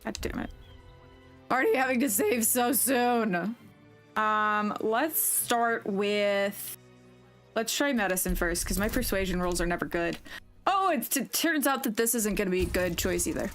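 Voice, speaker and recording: A woman chats through a game she is streaming, reading choices aloud and swearing freely. Her pitch sits mid-range, and faint game music plays behind her. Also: expressive, a little slow, a bit bright. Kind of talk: casual game commentary.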